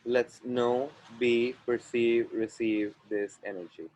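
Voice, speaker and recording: A man from India leads an online group call outdoors near the ocean, speaking with an Indian accent. He repeats clearing phrases in a deliberate, chant-like way for listeners to follow. His voice is medium-pitched, flat, and a little mellow, on a rough recording.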